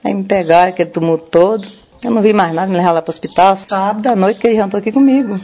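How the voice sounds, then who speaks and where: Rushed, grieving older Brazilian woman. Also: medium pitch, warm tone. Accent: Brazilian Portuguese. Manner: rushed, breathless retelling full of quoted dialogue. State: distressed, grieving. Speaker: grieving grandmother interviewed. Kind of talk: emotional first-hand account.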